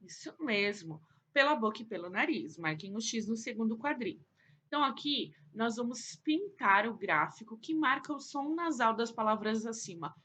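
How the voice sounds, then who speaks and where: A woman's voice: fairly high pitch, expressive, normal speed, sharp tone, a little hiss or hum. A woman teacher with a Brazilian accent, giving a recorded lesson to children in an affectionate, coaxing way, asking and answering her own questions. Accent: Brazilian Portuguese.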